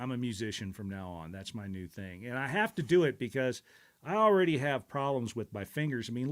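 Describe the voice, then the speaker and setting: A middle-aged man chats casually on his own stream, telling stories at length. He wanders through his thoughts with plenty of "uh"s and restarts, and his pitch sits in an ordinary middle range. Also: a bit bright. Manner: rambling, reflective, many fillers and restarts. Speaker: show host. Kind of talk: casual live-stream chat.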